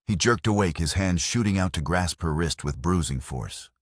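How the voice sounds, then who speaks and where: A man narrating a western story in a slow, measured storybook reading. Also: low voice, expressive, husky, dry recording, studio quality.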